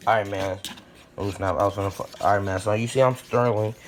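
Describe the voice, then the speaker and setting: Young american dude doing a kitchen vlog, lowish voice, real slangy, noisy background. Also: male voice, fairly even intonation, a little fast. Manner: slangy, repeats himself, informal. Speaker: vlogger. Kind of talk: casual chat, narrating home cooking. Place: home kitchen. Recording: noisy home recording with clicks.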